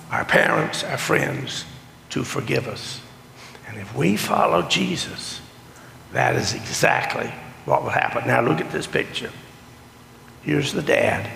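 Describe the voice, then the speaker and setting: A man preaching as a pastor in a strangled, choked-up, congested voice, hoarse from a sinus infection, with a deliberate, folksy delivery. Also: medium pitch, fairly bright tone, a little hiss or hum. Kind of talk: sermon, children's talk and scripture reading. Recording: long echo of a large hall.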